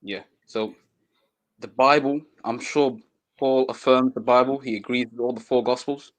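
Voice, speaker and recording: A man's voice: mid-range voice, steady tone, moderate pace. A man calling into a live debate stream from a phone, earnest and a little hesitant, often restarting words. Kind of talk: casual debate chat. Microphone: phone mic.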